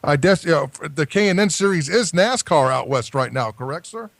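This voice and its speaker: Upbeat high-voiced male radio host. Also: lively intonation, moderate pace, gravelly, fairly bright tone, no room sound. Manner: enthusiastic, folksy, repeats words. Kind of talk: casual motorsport radio talk.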